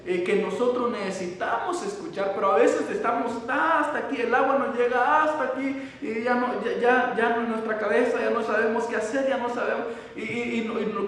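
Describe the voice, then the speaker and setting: A man preaching a sermon in a halting way, often repeating words and restarting his sentences. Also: very high voice, a bit bright. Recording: echoey hall, voice from far off.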